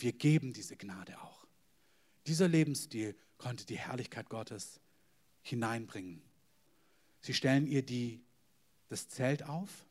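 A man preaching a sermon to a congregation, emphatic, with sudden loud stresses and hushed, whispered asides. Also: mid-range voice. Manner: addresses the congregation directly.

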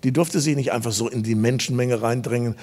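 A man preaching a revival sermon to a congregation, telling stories emphatically and breaking into loud bursts. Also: medium pitch, a little fast. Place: church service before a congregation.

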